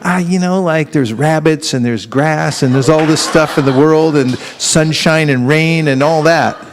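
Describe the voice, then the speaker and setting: A man with a slightly higher-pitched voice is teaching a live seminar. He keeps throwing questions at the room and slips into little acted-out exchanges to show how a conversation goes. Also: a little slow, crowd noise. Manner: keeps quizzing the audience with questions; acts out street exchanges in quoted voices.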